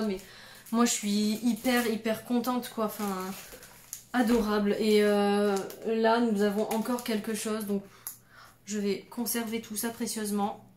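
A woman's voice: medium pitch, reverberant, a little hiss or hum. A woman in her thirties gushing through an unboxing vlog, full of oohs and exclamations. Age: 30s. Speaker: YouTuber.

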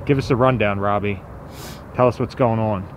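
A man vlogging from a small fishing boat on a river, chatting casually with quick upbeat exclamations. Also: on the low side, fairly even intonation. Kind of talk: casual chat while fishing. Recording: outdoor boat and wind noise.

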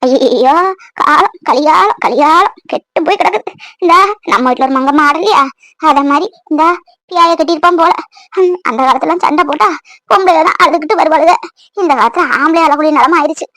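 A woman's voice: sits high, a little fast, pushed and bright, no room sound, clean studio sound. A woman voicing a grumbling old village woman in a cartoon, lamenting and scolding young wives about the old days. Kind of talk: cartoon voice acting.

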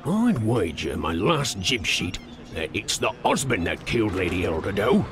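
A gruff old fisherman's ghost from a cartoonish video game. His voice sits low and moves around a lot, full of salty sea-dog talk. Game ambience runs behind him. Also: big pitch swings, normal speed, music in the background. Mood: gruff, advising.

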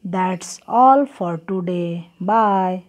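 Slow-spoken woman teacher. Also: fairly low pitch. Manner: slow, spelling words letter by letter. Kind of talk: children's English lesson.

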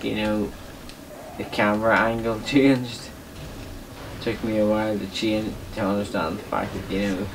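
A drunk young man rambles through casual game commentary in a low voice at a very slow pace. He swears freely, and he is picked up from a distance with clear noise behind him. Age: young adult. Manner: heavy swearing. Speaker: gaming video host. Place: small indoor room at a desk.

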